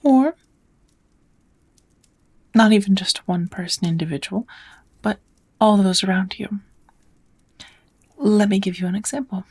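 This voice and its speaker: Speaking softly and often in a whisper, a woman plays a kind, patient witch teaching magic in an ASMR roleplay. Her manner is gentle, measured, slightly formal and gently instructive, in a medium-pitched voice with a breathy edge.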